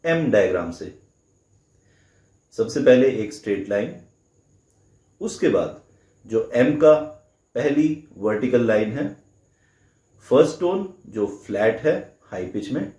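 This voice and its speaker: A man teaching a language lesson, explaining slowly and carefully, saying sounds aloud to demonstrate them. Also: medium pitch, warm tone, roomy sound.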